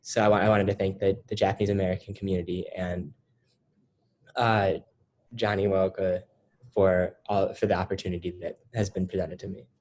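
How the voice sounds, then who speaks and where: A man's voice: low voice, flat delivery, a little fast, darkish tone. A young man giving a hesitant thank-you speech for a scholarship over a video call, stumbling and restarting often. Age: young adult. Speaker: scholarship recipient.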